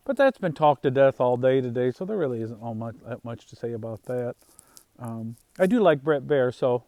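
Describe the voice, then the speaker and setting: A man talking casually to his viewers about the harvest and farm life, in an unhurried, halting way with plenty of fillers and restarts. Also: mid-range voice, darkish tone, no echo. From Northwest Indiana, USA. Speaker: farm vlogger. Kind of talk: casual rambling monologue.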